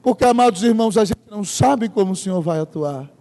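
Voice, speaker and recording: Preaching in a church sanctuary full of long reverb, this pastor talks fast in a high, dark voice with lively intonation. His sermon leans on emphatic storytelling, and he keeps turning to speak straight to the congregation.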